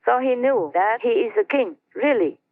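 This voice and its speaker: A woman slowly telling a story to her team over a conference line, chatty and laughing between phrases. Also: on the high side, animated, no echo. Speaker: spiritual teacher telling a story. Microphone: phone or conference line. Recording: tinny dry phone line.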